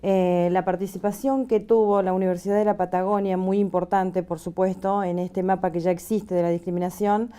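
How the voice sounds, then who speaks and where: Hesitant woman with a warm voice. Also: on the low side, fairly even intonation, smooth. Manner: hesitant, many filler pauses. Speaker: panel guest. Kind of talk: panel discussion.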